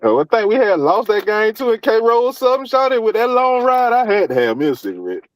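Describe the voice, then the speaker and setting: A man's voice: high voice, big pitch swings, fast, no room sound, low-quality recording. A man from Georgia co-hosting a podcast, bantering playfully in casual chat. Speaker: podcast co-host.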